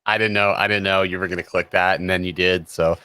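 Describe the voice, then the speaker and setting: Sex: man. Role: livestream host. Style: casual chat. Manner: playful, rambling, bursts of loud exclamation. Pitch: low. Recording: dry, close mic. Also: level tone, fast talker, clear, resonant tone, no room sound. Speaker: streamer host. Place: home stream setup in Florida.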